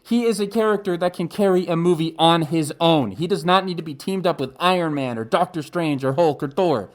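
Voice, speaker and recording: A man's voice: fairly high pitch, a little fast. A man giving opinionated YouTube commentary in a muffled voice, as if through a mask, emphatic and exasperated with casual asides. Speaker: YouTube video essayist. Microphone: webcam setup. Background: music.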